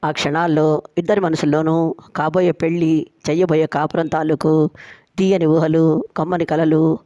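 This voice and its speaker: A woman storyteller narrating a light comic tale in a lively way. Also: deep voice, normal speed, dry recording, highs cut off.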